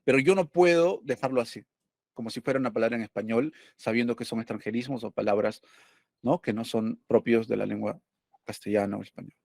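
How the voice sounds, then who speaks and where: A man's voice: medium pitch, a little fast, gravelly, darkish tone, dry recording, studio quality. A male teacher going over test questions, explaining step by step and asking and answering his own questions.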